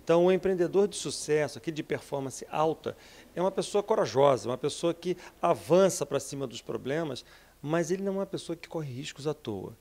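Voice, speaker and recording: A Brazilian entrepreneur in his fifties giving an energetic, persuasive interview in an office, speaking into a handheld mic. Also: a little high, fairly quick, vocal fry. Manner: energetic, persuasive, frequent tag questions. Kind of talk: interview answers. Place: office with bookshelves, indoors.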